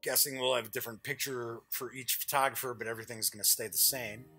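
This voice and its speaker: Soft music plays behind a man who hosts a tabletop game review show as he unboxes a game with casual, joking, improvised remarks and frequent muttered asides. He talks fast in a sharp, mid-range voice with a steady tone.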